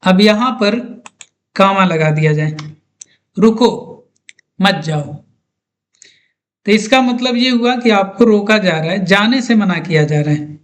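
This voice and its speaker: A man's voice: high voice, animated, normal speed. A man teaching an English grammar lesson, patiently talking through examples step by step.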